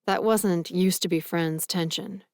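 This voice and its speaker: An affectionate, gently teasing boyfriend, read by a woman narrator. He talks warmly and pokes fun at himself in a storybook romance. The voice is low-set and dry. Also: steady tone, measured pace, dry recording, lightly acted.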